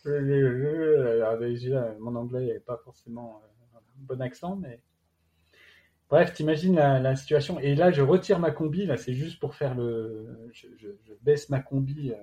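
A man with a French accent, a guest athlete telling his story casually in an interview, halting with many fillers and restarts. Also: mid-range voice, dark tone.

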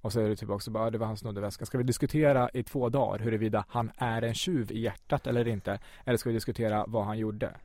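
An earnest man in a casual debate who argues with rising intensity. His voice is dark and mellow. The recording is dry and close on the mic. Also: on the low side, fairly even intonation, hardly any pauses, no echo. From grew up in Sweden.

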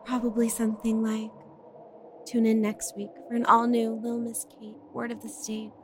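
A woman's voice: fairly high pitch, monotone, normal speed, a little hiss or hum, lightly acted. A woman voicing a melodramatic young heroine who narrates with overwrought, brooding flair. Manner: dramatic, overwrought, brooding monologue. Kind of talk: audio drama acting.

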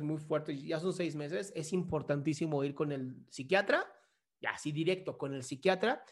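A man hosts a psychology show, answering a viewer's message in an explanatory, emphatic way with rhetorical questions. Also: high-pitched.

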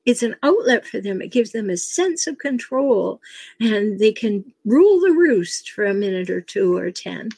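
Her voice is mid-range, warm, and husky, very animated and moving at a moderate pace, with no echo. She's an older relationship coach offering sincere advice mixed with personal anecdotes, letting out occasional chuckles along the way.

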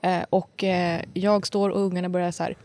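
A woman in her thirties, a comedian guest, telling stories in a lively, casual way with lots of fillers. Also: lowish voice. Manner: lively storytelling with frequent fillers and laughs. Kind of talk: casual podcast chat.

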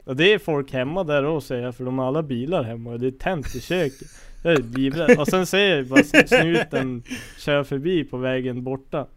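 A man's voice: mid-range voice, expressive, few pauses. A young man telling a story in casual chat, slangy and full of swearing.

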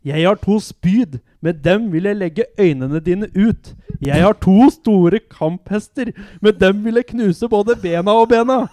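A man's voice: high-pitched, no echo, lightly acted. Man playing a huge boastful billy goat. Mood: menacing. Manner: slow, loud and threatening.

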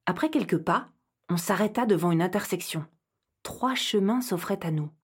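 Expressive woman narrating a children's story. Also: mid-range voice, moderate pace, breathy edge. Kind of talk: scripted first-person narration for children.

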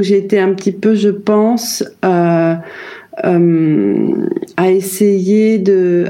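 A French woman in her fifties answering interview questions about her life and work, thoughtful and hesitant, with many pauses and restarts. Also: on the low side, mellow. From France. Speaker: brand founder, guest.

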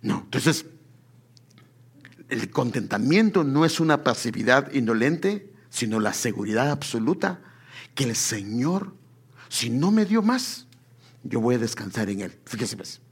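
A man preaching a sermon, speaking to the congregation as brothers and asking them rhetorical questions, drawing out key words slowly for emphasis. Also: medium pitch, sing-song, husky. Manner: addresses listeners as brother, asks rhetorical questions.

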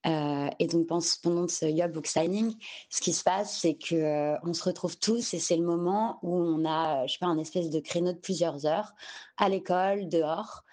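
On a podcast, a French woman tells a personal story openly, taking her time and searching for words while slipping English terms into her French. Her voice is fairly low with a somewhat dark tone.

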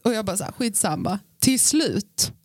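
A woman co-hosting a podcast in casual chat, telling a story in a teasing, animated way. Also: mid-range voice, no room sound, studio quality. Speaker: podcast co-host.

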